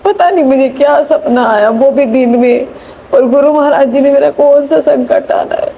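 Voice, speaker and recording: A woman's voice: high-pitched, normal speed, creaky, warm tone, a little hiss or hum. A middle-aged woman giving a devotional testimony, earnest and pleading as she prays and chants.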